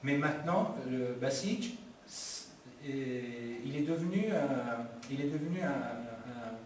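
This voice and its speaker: An Iranian man who speaks Persian as his first language answers questions at a public film debate in a community meeting hall. His medium-pitched, expressive voice is halting and hesitant, full of restarts and fillers. The hall is very echoey, he sits far from the mic, and there is faint noise.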